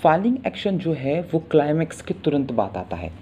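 A man teaching a literature lesson, explaining terms patiently and repeating sounds to drill them, reading English definitions slowly before explaining them in Hindi. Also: a little high, very animated, a little mellow, slight background noise.

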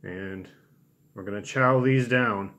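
A man in his twenties who hosts challenge videos chats casually to camera in a laid-back, understated vlog, recorded in a small room at home. His voice is lowish and a bit bright, and he speaks slowly.

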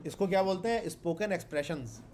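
Pakistani guy teaching a coding class, fairly high pitch but mellow, keeps asking the students stuff and saying things twice. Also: expressive, quick pace, slight background noise. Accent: Pakistani Urdu. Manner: conversational, asks the class questions and repeats points. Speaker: programming instructor. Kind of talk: classroom lecture.

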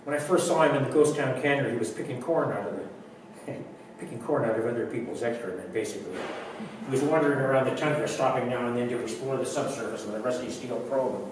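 A man reading his own poetry aloud at a library event, telling it in a measured, wry way with dry humor. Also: mid-range voice, background noise. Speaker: poet reading his work. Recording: very echoey room, mic far off, audible background.

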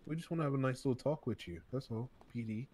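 A man's voice: medium pitch, quick pace, darkish tone, slightly rough. Man playing a teasing cop. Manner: teasing, needling interrogation. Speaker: police officer in a role-play. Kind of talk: in-character game role-play.

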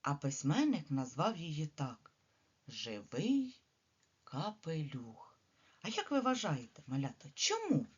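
A woman's voice: low-pitched, sing-song, moderate pace, breathy edge, muffled recording. A woman teacher reading a story aloud to young children and asking them coaxing questions. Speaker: kindergarten teacher.

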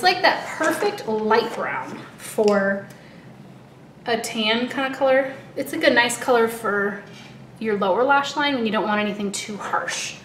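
A woman's voice: fairly high pitch, a bit bright. An American woman in her thirties, a little out of breath, chatting casually to camera as a beauty vlogger in an informal way. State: out of breath, heavily pregnant. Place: living room at home, indoors. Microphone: camera a short distance away. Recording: roomy echo, light background noise.

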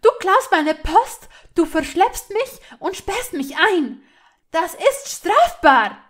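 A woman voicing a furious, indignant young woman who shouts in a high, strained voice in an audiobook drama. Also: drawn-out words.

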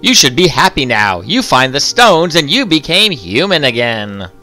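A man playing a gentle skeleton man. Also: fairly high pitch, very animated, normal speed, faint music behind. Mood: comforting. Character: big gentle skeleton man, kindly and fatherly. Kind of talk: game let's-play voice acting.

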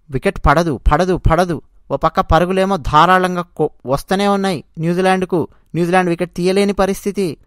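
A cricket channel host delivers cricket commentary, recapping play in a conversational, emphatic way. The voice sits at a middling pitch and speaks straight to listeners. The sound is dry, with little room around it. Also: dry recording.

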